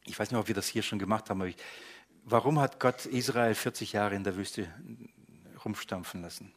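A man preaching in German, teaching from the Bible, shifting between low, quiet explanation and loud, emphatic passages. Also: fairly quick.

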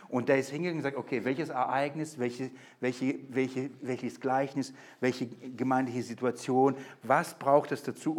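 A man preaching a sermon to a congregation, stressing key lines with urgent emphasis. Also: medium pitch.

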